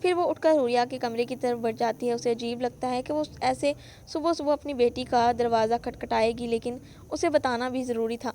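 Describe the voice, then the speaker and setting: A woman reading a novel aloud in an emotive storytelling manner. Her voice is high-pitched. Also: fairly even intonation, dark tone, slight background noise. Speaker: novel reader. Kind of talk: audiobook narration.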